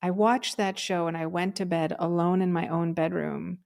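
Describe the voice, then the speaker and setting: With a lowish, gravelly voice and a darkish tone, this podcast co-host chats her way through a personal story at a moderate pace. Her delivery stays steady, full of "um" fillers and tag questions like "right?".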